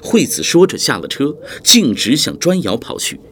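A man narrating an audiobook in a vivid, expressive way, with music behind. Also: a little high, normal speed, slight background noise. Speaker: storyteller.

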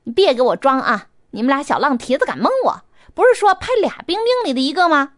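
A woman voicing a flamboyant, touchy male makeup artist who talks in a shrill, camp, indignant way. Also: sing-song, normal speed, no echo, studio quality. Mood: outraged.

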